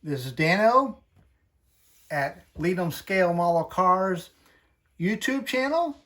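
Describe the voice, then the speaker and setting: A man hosting a hobby channel, talking through a casual tutorial in a chatty, folksy, unhurried way. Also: sits high, lively intonation, fairly bright tone.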